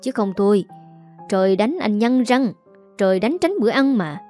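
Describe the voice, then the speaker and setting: A woman's voice: medium pitch, moderate pace, mellow, soft background music, natural voice. A woman voicing a defiant younger sister who answers back in a steely voice, in a Southern Vietnamese accent.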